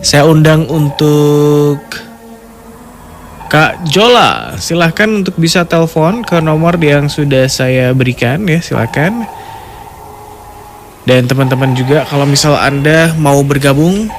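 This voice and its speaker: Taking it slowly in a fairly high voice, a radio host chats casually with listeners of his live horror-story call-in show. Music plays behind him, and there's a bit of hiss or hum.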